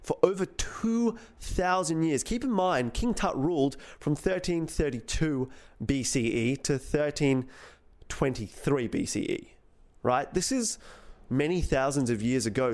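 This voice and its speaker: A man's voice: fairly high pitch, measured pace. A man, co-hosting a podcast and casually retelling a history story, acting out quotes along the way. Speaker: podcast co-host.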